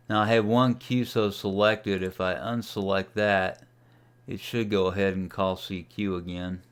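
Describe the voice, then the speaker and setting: Smooth and fairly low-pitched, this man's voice carries an offhand screen-share tutorial. As a radio hobbyist demonstrating software, he narrates his thoughts while operating, with nothing scripted.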